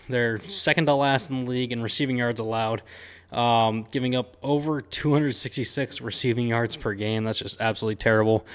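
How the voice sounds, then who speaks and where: A man's voice: medium pitch, smooth. Chatty man talking sports picks. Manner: chatty and upbeat, with frequent "um" and "uh" fillers; slangy, excited sports talk. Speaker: sports betting picks host. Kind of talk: casual betting-picks talk to camera.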